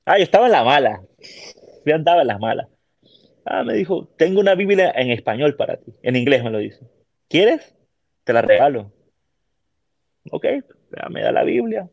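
A man's voice: on the high side, fairly quick, vocal fry, no echo, lo-fi sound. Middle-aged puerto rican guy telling a story on a podcast, loose and chatty, does the voices of people in it, dry close sound. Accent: Puerto Rican Spanish. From Puerto Rico. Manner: animated, acts out voices in his story. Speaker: podcast guest. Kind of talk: casual storytelling.

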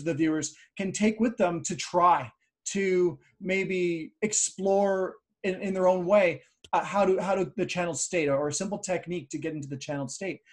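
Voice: mid-range voice, a little mellow. A show host in a casual interview chat, talking in a rambling way and restating phrases.

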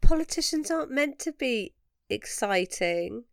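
Casting: British female podcast co-host, froggy croak with gravelly edge, casual comic chat, very dry close sound. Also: fairly high pitch, very animated, a little slow, no echo. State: croaky, with sniffs and coughs.

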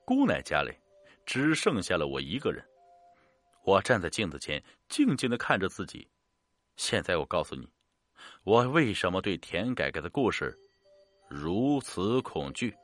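A man with a fairly low voice tells a horror story in a measured, dramatic way, slowing down for suspense. His pitch swings widely between deep murmurs and sharp rises. Faint music plays underneath. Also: huge pitch swings, no room sound. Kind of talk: scripted narration of a horror story.

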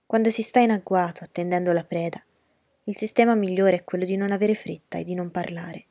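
A woman narrating a novel in a measured storytelling voice. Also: fairly low pitch, steady tone, dark tone, no room sound, clean studio sound. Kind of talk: audiobook reading of a novel.

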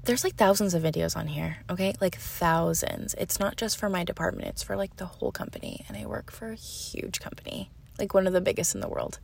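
A young woman telling a casual story on her podcast, chatty and full of "like", sometimes dropping to a soft whisper. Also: lowish voice, brisk, gravelly, few pauses, slight background noise. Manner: chatty, heavy use of "like", drops to soft whispers. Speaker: podcast host.

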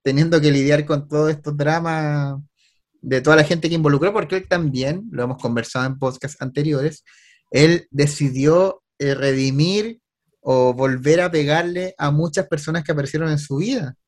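A man's voice: a little high, moderate pace. A man with a Chilean accent, hosting a podcast in casual chat, going over things at length with filler words and restarts.

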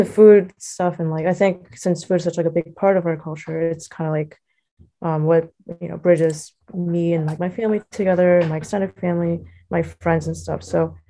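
Over a rough recording, a young adult college student with an American accent gives loose, hesitant, reflective answers as an interview guest, leaning heavily on "like" and "you know." Her mellow voice sits on the low side with fairly even intonation and a moderate pace.

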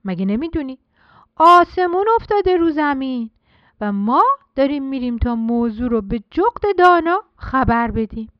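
A woman's voice: high voice, expressive, no room sound, dull audio. Woman doing a hasty storybook duck. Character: busy duck fresh from the pool.

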